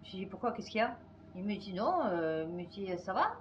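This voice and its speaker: Middle-aged woman host, fast and excitable casual chat, many fillers, mid pitch, faint noise. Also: highs cut off. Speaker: channel host.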